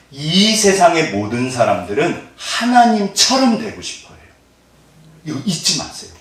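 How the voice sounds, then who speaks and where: Give me a middle-aged pastor preaching an animated, joking sermon in a reverberant church hall, heard from a distance. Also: male voice, on the high side. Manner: animated, asks the congregation call-and-response questions; jokes and laughs often. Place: church sanctuary. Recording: echoey hall, mic at a distance.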